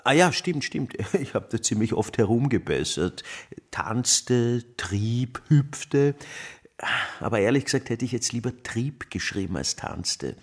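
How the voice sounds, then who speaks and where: In a radio play staged as a conversational literary interview, an actor voices a self-deprecating, quibbling, amused novelist answering an interviewer. His male voice sits at medium pitch, animated but a little slow, with a breathy edge. He sounds hesitant and amused, replying offhandedly and correcting himself as he goes.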